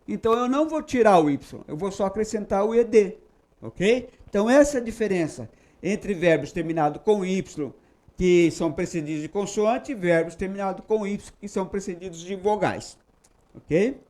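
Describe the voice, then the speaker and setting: Brazilian male teacher with a high voice. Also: a little mellow. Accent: Brazilian Portuguese. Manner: patient, repeats English examples slowly with checking tags like "tá?" and "ok?". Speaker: English teacher. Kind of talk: explanatory grammar lesson.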